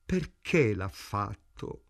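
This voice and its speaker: A man's voice: a little high, animated, normal speed, a little mellow, no room sound, clean studio sound, pitched above the performer's own voice, close to an everyday voice. A man putting on a wailing frantic wife. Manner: wailing, pleading. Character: frantic middle-aged wife, shrill and wailing.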